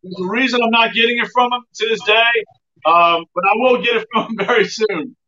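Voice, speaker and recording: A man's voice: high-pitched, a little fast, sharp tone. A man co-hosting a casual sports talk show. He comes through a robotic, tunnel-like phone connection and talks eagerly, often restarting his sentences. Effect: robotic, tunnel-like phone-call audio. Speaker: sports podcast co-host. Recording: thin lo-fi phone line.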